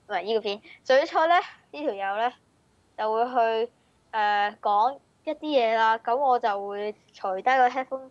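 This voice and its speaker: High-voiced young Hong Kong Cantonese woman. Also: no room sound, lo-fi sound. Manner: informal, playful, slangy. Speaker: video host. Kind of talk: casual challenge vlog chat.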